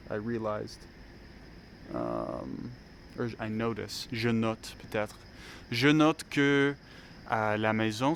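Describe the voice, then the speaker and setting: A man who speaks English natively, talking slowly in learner French while vlogging on a phone as he walks outside, hesitant with many fillers and restarts. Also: lowish voice, fairly bright tone. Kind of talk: casual walking vlog. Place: outdoors on a street. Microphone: phone held while walking. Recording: faint outdoor street noise. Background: street ambience, passing vehicles.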